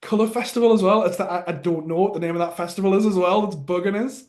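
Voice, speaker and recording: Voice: medium pitch, fairly even intonation, fast talker, a little mellow. A host running a casual panel guessing game, joking, giggling and stammering as they think aloud.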